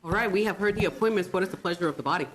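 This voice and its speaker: A woman presiding over a city council meeting, moving briskly through procedure. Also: on the low side, slight background noise, poor audio.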